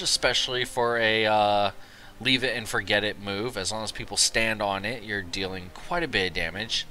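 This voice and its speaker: Young guy rambling excitedly about a game, tired after work, bright voice, faint hiss behind. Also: medium pitch. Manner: excited, rambling, quick asides. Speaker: gaming video creator. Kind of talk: casual game guide commentary.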